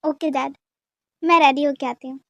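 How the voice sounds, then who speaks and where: A woman's voice: sits high, steady tone, moderate pace, creaky, no room sound. A woman doing a fretful young woman. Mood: worried. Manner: pleading, emotional. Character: anxious, caring young woman, quick to anger. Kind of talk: fan dub drama reading.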